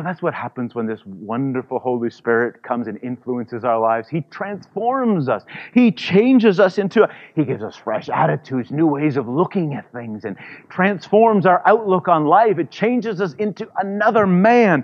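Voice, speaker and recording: A man's voice: a little high, big pitch swings, normal speed. Man, pastor, conversational sermon, frequent asides, dull lo-fi recording. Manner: warm, conversational preaching with frequent "you know" asides.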